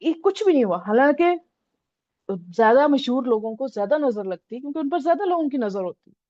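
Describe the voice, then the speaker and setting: A woman's voice: high voice, big pitch swings, fairly quick, darkish tone, dry recording, muffled recording. A woman teaching a religious lesson in a conversational way, often checking in with her listeners. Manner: conversational, repeats "theek hai" often. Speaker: Islamic teacher.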